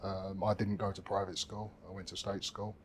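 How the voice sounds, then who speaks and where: A man's voice: low-pitched, level tone, moderate pace, slight background noise. A British man in his thirties in casual podcast chat, talking hesitantly with fillers and restarts. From United Kingdom. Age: 30s.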